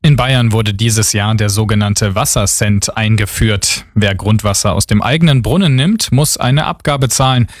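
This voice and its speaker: A man's voice: lowish voice, normal speed, hardly any pauses, no room sound. Man reading radio news, dry studio. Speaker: newsreader.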